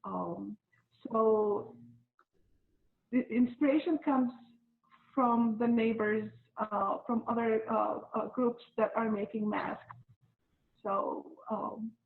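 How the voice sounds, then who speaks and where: A woman's voice: on the high side, steady tone, slow, vocal fry, long pauses. A middle-aged woman from Bosnia and Herzegovina, interviewed as a guest, speaking hesitantly with many fillers and restarts. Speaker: interview guest, volunteer mask maker. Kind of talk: casual interview. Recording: tinny phone-like line.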